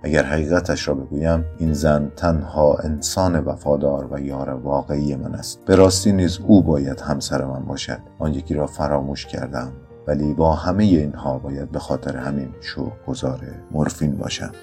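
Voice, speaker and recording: A man reading a story aloud in a somber, measured first-person narration. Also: extremely low pitch, steady tone, dark tone, soft background music. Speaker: audiobook narrator.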